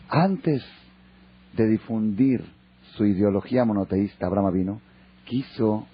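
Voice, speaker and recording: A man with a Mexican accent, a rabbi teaching a Torah class in a lively storytelling way. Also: on the low side, slightly rough. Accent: Mexican Spanish. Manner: lively, acts out dialogue. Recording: dull lo-fi recording.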